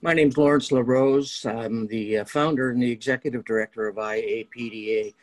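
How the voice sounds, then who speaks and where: A man introducing himself on a webinar panel, steady with hesitant pauses. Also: medium pitch, poor audio. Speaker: organization founder, panelist.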